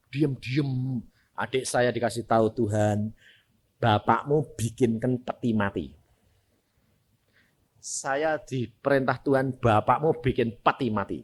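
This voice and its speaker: An older man preaching a sermon with a Javanese-tinged Indonesian accent, telling stories and swinging from loud calls to hushed asides. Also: medium pitch. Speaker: pastor.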